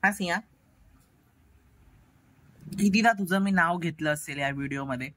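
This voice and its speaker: A woman's voice: on the low side, measured pace, fairly bright tone. A woman home vlogger chatting casually, teasing and cooing at a toddler in playful baby talk.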